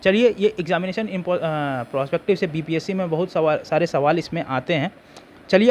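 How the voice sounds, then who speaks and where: High-voiced Indian man teaching, sore throat. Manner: reads English slowly, explains in Hindi with many fillers. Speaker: exam prep teacher. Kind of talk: Hindi lecture reading quiz questions in English.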